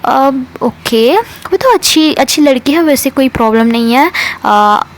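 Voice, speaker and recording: A middle-aged mother who weighs someone up out loud with small hesitations, voiced by a female storyteller. Her voice sits slightly high. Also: lively intonation, a little slow, a little hiss or hum. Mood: musing. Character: middle-aged mother, quick to size people up.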